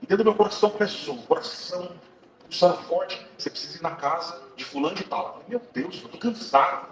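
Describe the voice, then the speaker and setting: A man giving a fervent testimony before a congregation, telling a story and breaking into loud praise. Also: sits high, animated, a little fast, a crowd in the background. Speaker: church member giving a testimony. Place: large church hall, indoors. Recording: echoey church hall, far mic, dull sound, congregation. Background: congregation responding.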